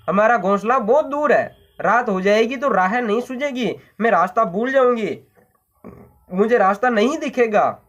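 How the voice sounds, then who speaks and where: A man's voice: high voice, fairly bright tone, lo-fi sound. A man voicing a frightened little female chick bird from a storybook lesson, pleading and sobbing with repeated cries.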